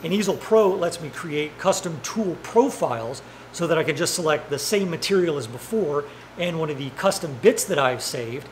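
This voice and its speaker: Middle-aged man, jokey, mutters to himself as he works, slightly high voice, big metal workshop, faint hum behind. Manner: jokey, talks to himself while working. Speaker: maker and woodworking host. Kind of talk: casual workshop vlog talk. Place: large arched metal workshop.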